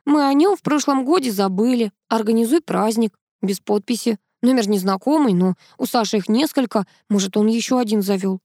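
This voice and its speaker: A woman's voice: fairly high pitch, a little fast, few pauses, dark tone, no room sound, clean studio sound, close to an everyday voice. A woman reading the lines of a flustered wife defending herself and explaining. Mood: defensive. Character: flustered colonel's wife making excuses. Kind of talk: audiobook character reading.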